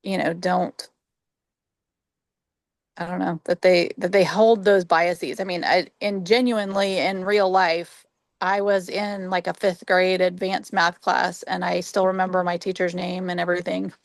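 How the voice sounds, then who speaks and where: A woman talking as a trainee counselor in a supportive, encouraging therapist-like manner, casual and reflective, with a creaky voice. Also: on the low side, little pitch movement, unhurried, no room sound, studio quality. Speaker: trainee counselor in a practice role play. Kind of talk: casual, reflective discussion and counseling role play.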